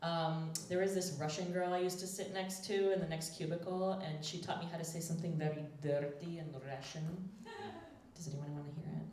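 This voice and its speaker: A woman with a fairly low voice tells a rambling story on stage, laughing as she goes and leaning on plenty of fillers. She sounds set back from the mic, and the room around her rings heavily with echo. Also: steady tone, brisk, a little mellow. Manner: chatty, laughs often, lots of fillers. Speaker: host of a live storytelling show. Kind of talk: casual personal storytelling on stage. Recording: very roomy, voice from far off.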